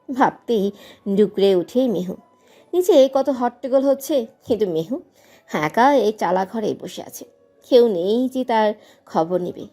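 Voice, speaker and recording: Emotive woman narrating a drama. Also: medium pitch. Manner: emotive, expressive. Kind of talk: dramatic audio story narration.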